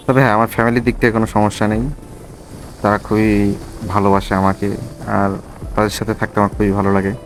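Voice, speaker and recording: A man's voice: on the low side, flat delivery, fast, long pauses, slight background noise, poor audio. Bangladeshi man vlogging from inside a helmet. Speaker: motovlogger. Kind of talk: casual riding vlog chat. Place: outdoors on a motorbike, inside a helmet.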